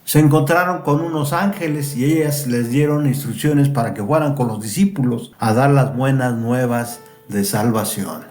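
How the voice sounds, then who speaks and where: A man's voice: on the high side, darkish tone. Man reading Bible verses in an echoey room. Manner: explains and reads verses with fillers and restarts. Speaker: Bible study teacher. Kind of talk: Bible lesson review, reading scripture aloud.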